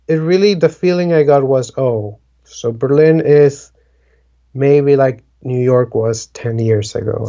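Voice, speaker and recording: A Dominican man in his twenties chats casually, rambling and leaning heavily on fillers like "like" and "um." His medium-pitched voice has a dark tone, and the audio sounds dull.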